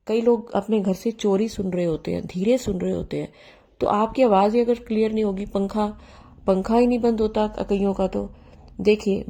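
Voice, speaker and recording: A woman's voice: mid-range voice, warm tone. A woman hosting a devotional channel, talking earnestly to her followers in a pleading, repetitive way with frequent restarts, from her home. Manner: earnest, pleading, repeats herself with many restarts. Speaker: channel host sharing devotees' testimonies. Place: home room.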